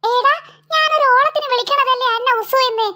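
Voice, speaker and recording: A voice actor playing a bossy, sharp-tongued schoolgirl in an animated cartoon. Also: extremely high pitch, moderate pace, heavily acted. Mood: scornful. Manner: mocking, scornful.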